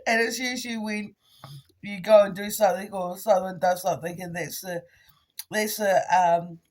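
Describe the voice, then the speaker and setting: A woman, trying out informal stand-up comedy in a halting, giggly, conversational way. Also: medium pitch, steady tone, a little mellow. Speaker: amateur comedian. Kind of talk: informal stand-up attempt for social media, casual rambling.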